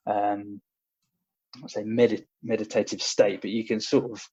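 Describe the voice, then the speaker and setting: His low-side voice is a little mellow and husky, moving little in pitch at a normal speed. A young personal trainer guesting on a podcast, he storytells casually with hesitation, fillers and restarts, and the audio is dull lo-fi.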